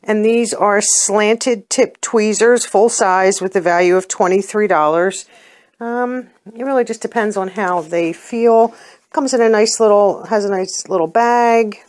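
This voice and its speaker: A middle-aged woman reviews beauty products in a chatty, plainspoken unboxing vlog, her mid-range, darkish voice hoarse as she gets over a cold and loses her voice. She clears her throat and hesitates often with ums.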